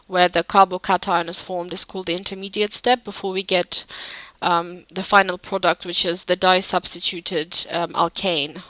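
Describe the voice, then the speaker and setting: A chemistry tutor narrates a slide-based lesson in a lowish, pushed, bright voice, sounding hesitant with many "um"s and self-corrections. The recording has no echo but is low in quality.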